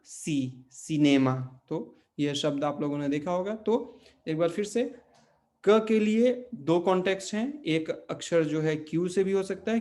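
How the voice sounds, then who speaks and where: This male teacher's voice sits high and is a little mellow. In his online language class he moves slowly through each step, filling pauses often and regularly checking in with students.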